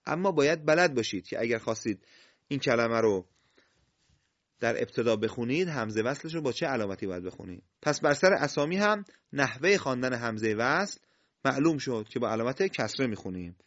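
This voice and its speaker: A man's voice: medium pitch, expressive, fairly bright tone, no echo. A man teaching a spoken lesson on Quran recitation. He explains step by step, quizzes the listener and draws out the example words. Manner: explains step by step, quizzes the listener with questions, praises with "well done". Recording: dull, dry, lo-fi sound.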